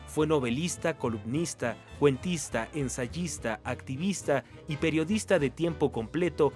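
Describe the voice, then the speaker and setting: Male news voice-over, steady formal read, faint music underneath. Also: fairly high pitch, measured pace. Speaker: news narrator. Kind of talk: scripted narration.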